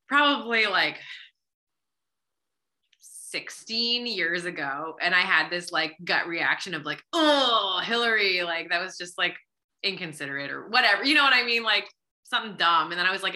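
A woman in her thirties hosts a podcast, chatting reflectively in a casual conversational interview and saying "like" a lot. Her voice is medium pitch with a sharp tone.

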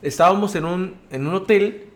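A man with a Mexican accent hosting a casual chat, asking questions and reacting with quick slangy interjections. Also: high-pitched.

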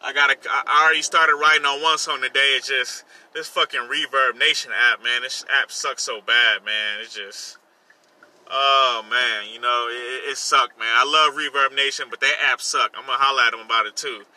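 A man's voice: medium pitch, steady tone, moderate pace, pushed and bright. A man talking casually and informally in slang, repeating himself, as he hosts his own vlog segment from a car he is driving. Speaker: host of a personal podcast segment, songwriter. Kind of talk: casual solo vlog chat while driving. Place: inside a car while driving. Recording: vehicle noise in the background. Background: faint vehicle noise.

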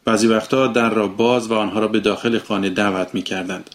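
A man reading a short story aloud in a calm, even storytelling manner. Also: on the low side. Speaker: narrator. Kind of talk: storybook narration.

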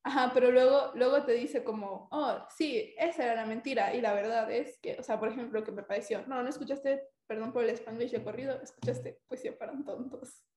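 Female podcast co-host, casual and self-mocking, giggly delivery, high voice, roomy echoing sound. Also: steady tone, fairly quick, hardly any pauses, a little mellow. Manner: giggly, self-deprecating, playful. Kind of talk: casual chat between podcast co-hosts.

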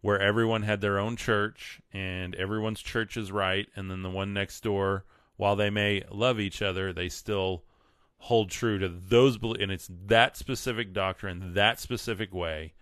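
Deep-voiced man with a West Texas twang. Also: fairly even intonation, a little slow, fairly bright tone, smooth, dry recording, clean studio sound. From West Texas, United States. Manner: earnest, emphatic, repeats words for emphasis. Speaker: livestream host. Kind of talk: casual livestream monologue with read-out comments and quotes.

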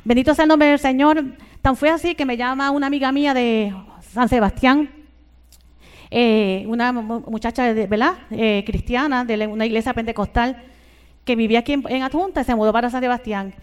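A woman's voice: on the high side, fairly even intonation, brisk, clean tone. An older Puerto Rican woman preaching a sermon, who fills every phrase with fervent church exclamations and asks her listeners for agreement.

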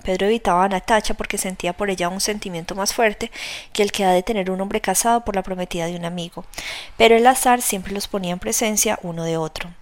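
A woman narrating a novel as an audiobook, reading in a measured, steady way. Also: mid-range voice, dry recording.

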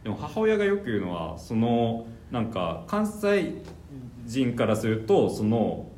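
A young man from Kanagawa chatting casually with friends, relaxed and chuckling often. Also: medium pitch, a little slow, slight background noise. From Kanagawa, Japan. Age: young adult. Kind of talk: casual chat. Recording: roomy echo, faint ambience.

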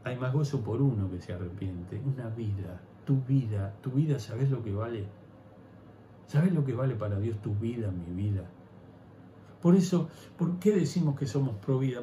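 A man with a Rioplatense Spanish accent preaching a sermon as pastor, swinging from hushed pleading to loud emphatic preaching. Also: medium pitch, roomy sound, a little hiss or hum.

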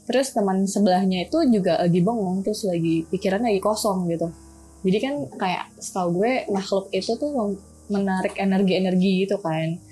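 A woman's voice: medium pitch, fairly quick, dark tone, breathy edge. A woman co-hosting a casual chat, musing and thinking aloud with lots of fillers.

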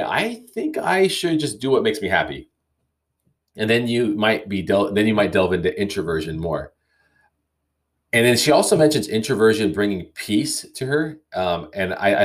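A man hosting a casual solo podcast, thoughtfully reading listener emails aloud and reflecting on them with frequent restarts. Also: fairly low pitch. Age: young adult or middle-aged, parent. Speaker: podcast host.

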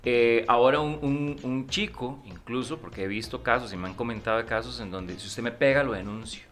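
Bright-voiced man chatting. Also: mid-range voice, fairly quick, faint music behind. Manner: chatty, frequent "¿verdad?" tags. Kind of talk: casual conversation.

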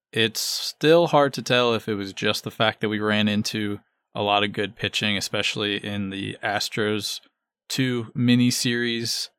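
A man's voice: lowish voice, a bit bright, smooth, no room sound, studio quality. A man giving casual sports analysis as a podcast co-host.

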